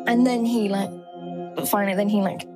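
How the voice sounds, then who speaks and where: A woman giving halting recorded testimony in a broadcast clip, her voice disguised. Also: mid-range voice, steady tone, over music. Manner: halting, with fillers. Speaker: accuser in a news clip.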